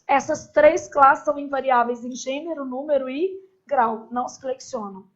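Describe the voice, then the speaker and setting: A woman's voice: sits high, moderate pace, highs cut off. A woman teaching a grammar class in a casual, chatty way, with joking asides and constant "né?" tags.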